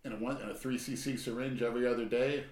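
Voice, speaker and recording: A man co-hosting a podcast in crude casual banter, rambling and deadpan, his voice echoey and far from the mic. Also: medium pitch, fast talker. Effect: echoey sound, far from the mic. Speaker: podcast co-host. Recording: echoey room with faint noise.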